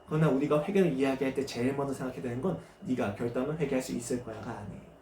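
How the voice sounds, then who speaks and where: Male pastor, animated sermon delivery, rhetorical questions, roomy church sound. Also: mid-range voice. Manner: lively preaching with rhetorical questions and acted quotes. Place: church sanctuary. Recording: echoey church room, faint noise.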